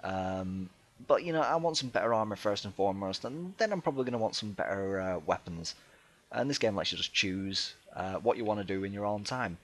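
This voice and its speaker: A man's voice: fairly low pitch, animated, fairly quick. A man talking casually over his gameplay, hesitant and chatty, with many ums and restarts and a self-deprecating tone. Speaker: let's play gamer.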